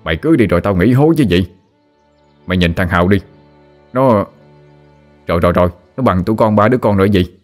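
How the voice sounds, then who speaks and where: A man's voice: low voice, expressive, fast talker, pauses often, soft background music. A man voicing an exasperated son in his thirties, protesting.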